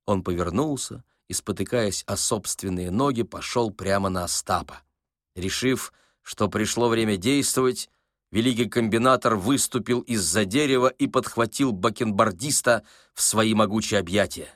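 A man narrating a literary story in a lively, expressive way. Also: fairly low pitch, moderate pace, no room sound, studio quality. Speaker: audiobook narrator.

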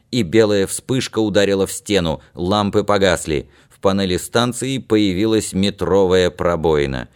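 A man reading a science fiction story aloud in a steady, measured narrating voice. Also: deep voice, clear, resonant tone. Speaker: audiobook narrator. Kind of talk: scripted narration.

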